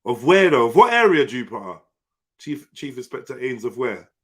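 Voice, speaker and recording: A man's voice: medium pitch, very animated, normal speed, fairly bright tone. A man with a south London accent, bantering casually as he hosts a live online panel. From Peckham, south London. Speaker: live panel show host.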